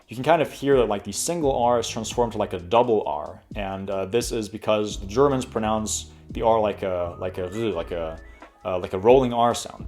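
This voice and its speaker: A man's voice: on the low side, darkish tone. A young man in his twenties hosting a casual pronunciation lesson, chatty and full of fillers, demonstrating sounds as he goes. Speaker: language tutorial host.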